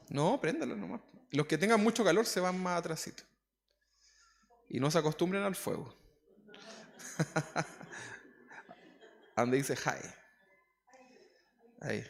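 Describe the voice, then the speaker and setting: A man's voice: on the high side, expressive, slow pace, creaky, pauses often. A man preaching a sermon as pastor, talking to the congregation in a casual way and often asking them questions. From Chile. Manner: conversational, asks the congregation questions. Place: church hall. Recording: long hall reverb.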